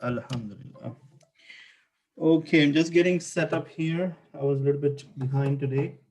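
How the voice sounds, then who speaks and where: A man leading an informal online class, speaking haltingly as he thinks aloud. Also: a little high, gravelly, darkish tone. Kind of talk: informal online lesson, chatting with students.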